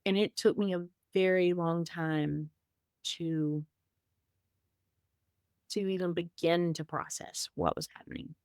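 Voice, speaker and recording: A middle-aged podcast guest speaks slowly about her grief, pausing often, in a lowish, slightly mellow, clean voice with fairly even intonation. She tells it conversationally, candid and emotional, with many restarts and fillers. The studio recording has no echo.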